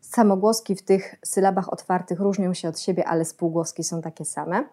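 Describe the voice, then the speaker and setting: Mellow-voiced woman explaining child speech. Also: lowish voice, fairly even intonation. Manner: clear, measured, sounds out syllables slowly as examples. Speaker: speech therapy educator. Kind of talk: calm instructional explanation for parents.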